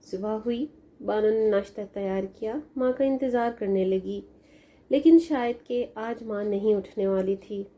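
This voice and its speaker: A woman narrating a moral story in a slow, mournful storytelling manner. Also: medium pitch, mellow.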